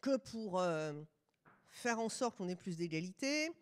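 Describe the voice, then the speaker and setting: Lively French woman giving a lecture. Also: on the low side, a little slow. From France. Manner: lively, ironic asides. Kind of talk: conference lecture.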